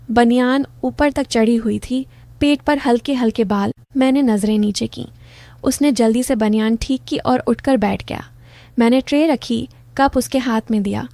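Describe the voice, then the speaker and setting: A woman's voice: on the high side, mellow, no room sound. A middle-aged woman narrating a first-person story in a confiding, intimate manner.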